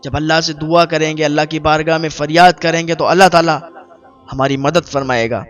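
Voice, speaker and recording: High-voiced man telling a dramatic sermon story. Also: fairly even intonation, a bit bright. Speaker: preacher.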